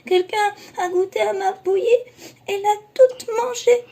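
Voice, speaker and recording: A woman voicing a little baby bear who whines and cries in a very high, loud voice. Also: fairly even intonation, unhurried, gravelly, exaggerated voice. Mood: tearful. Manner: squeaky, tearful and loud.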